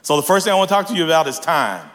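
A man's voice: on the high side, sing-song, racing, a bit bright, big-room sound, slight background noise. A man preaching a sermon, leading call-and-response and joking with the congregation.

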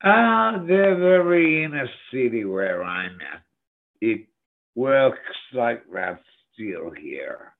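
An older man chatting casually and reminiscing about old friends, slow and profane, heard over a phone or video call. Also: mid-range voice, big pitch swings, creaky. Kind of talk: casual chat. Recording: tinny phone-like line.

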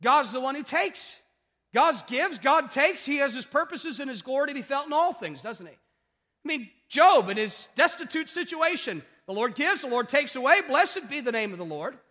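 A man's voice: extremely high pitch, lively intonation, moderate pace, pushed and bright, in a large hall. A male pastor preaching a sermon emphatically, firing off rhetorical questions and repeating his points.

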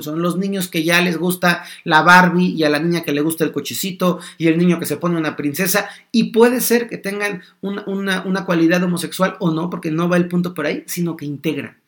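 A man hosting a podcast, explaining a topic in an animated way and acting out small dialogues. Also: a little high. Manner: animated, acts out little dialogues. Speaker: podcast host.

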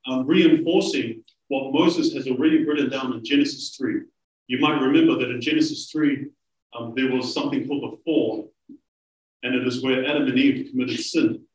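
A man preaching a sermon, earnest and emphatic, slowing down to stress key phrases. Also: medium pitch. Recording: roomy, from a distance.

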